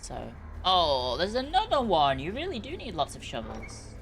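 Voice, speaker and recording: A woman's voice: fairly low pitch, huge pitch swings, moderate pace, slight background noise. A woman doing casual live stream commentary on a game, chatty and reacting aloud with exclamations. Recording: music behind the voice. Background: game music.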